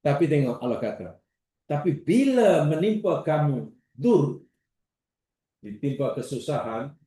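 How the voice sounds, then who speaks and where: A man with a Malaysian Malay accent teaching a religious class, lively, acting out examples and questioning his students. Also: a little high. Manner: questions the class and repeats their answers. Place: classroom or prayer hall. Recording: roomy echo, distant mic.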